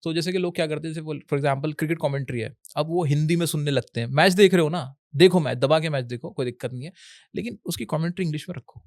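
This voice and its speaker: A young man from India talks casually as an interview guest, giving advice and mixing in English. His voice sits a little high and sounds dry and close. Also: quick pace, a little mellow, no echo. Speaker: educational YouTuber guest. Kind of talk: casual Hinglish interview talk.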